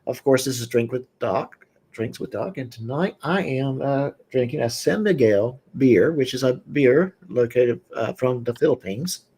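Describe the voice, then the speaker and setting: A man's voice: medium pitch, animated, a little slow, dark tone, husky. A man hosting a casual drinking chat show, rambling with lots of fillers and easy laughs. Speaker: podcast host.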